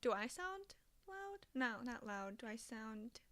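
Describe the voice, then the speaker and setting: Quiet, soft-spoken woman teasing her co-host. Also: fairly high pitch, big pitch swings, slow pace, no echo. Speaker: co-host guest. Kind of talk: casual livestream chat.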